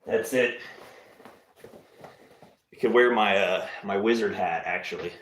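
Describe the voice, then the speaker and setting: Casual male streamer, lowish voice, rambling and jokey, roomy echoey home setup. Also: unhurried, a bit bright, a little hiss or hum. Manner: laid-back, rambling, jokey encouragement. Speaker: livestream host leading a workout. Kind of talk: casual live-stream chat. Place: home workout space. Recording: roomy echo.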